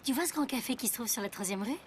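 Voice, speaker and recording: A woman's voice: on the high side, animated, rapid-fire, close to an everyday voice. A young woman playing a polite, friendly teenage girl in a French-dubbed film with faint noise behind.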